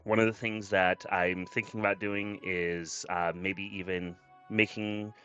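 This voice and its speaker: A low-voiced man with little pitch movement and a slightly slow delivery chats casually on a livestream as a VTuber. His tone is bright and forceful, and he comes across as effusive and grateful, often thanking viewers. The recording is muffled, with background music playing.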